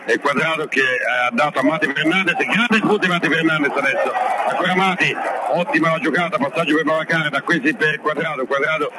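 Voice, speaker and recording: Guy calling football on radio, high voice, excitable, loud stadium noise all round him. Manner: excitable, repeats words and names, drawn-out goal calls. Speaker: football radio commentator for Fiorentina. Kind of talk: live partisan football commentary. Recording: noisy radio broadcast with loud stadium crowd. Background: loud stadium crowd.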